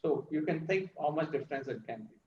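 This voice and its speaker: Blunt guy on a call, high voice, sounds far off and echoey, muffled. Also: expressive, fast, darkish tone. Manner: blunt, direct. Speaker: furniture importer. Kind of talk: online business meeting. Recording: distant echoey lo-fi call audio.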